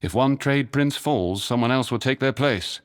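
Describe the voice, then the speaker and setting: A man performs a cynical, wry male secret agent at a normal pace. His mid-range voice is pitched a bit above his own yet stays close to everyday speech.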